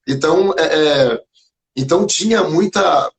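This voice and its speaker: A gravelly-voiced man from Minas Gerais, Brazil, a teacher appearing as a guest on a live stream, tells lively anecdotes and acts out remembered dialogue. His pitch sits fairly high and his pace is measured. It's casual storytelling in a live chat, picked up by a phone or computer on the video stream.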